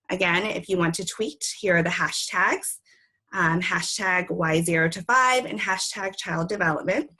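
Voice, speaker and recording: A young woman presents a webinar at an online conference, her medium-pitched voice sharp in tone but worn from a recent illness she's still recovering from. She fills her talk with plenty of ums and friendly asides.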